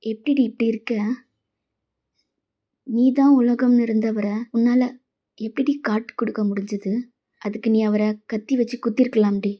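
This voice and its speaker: A woman's voice: fairly high pitch, steady tone, moderate pace, long pauses, dark tone, natural voice. A woman voicing the heroine's best friend, a young woman who scolds and accuses her. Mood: scolding.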